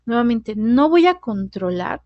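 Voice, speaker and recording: A woman's voice: fairly high pitch, big pitch swings, a little slow, no echo, dull audio. A woman giving a conversational recorded class lecture, often adding tag questions and restarting sentences. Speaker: teacher.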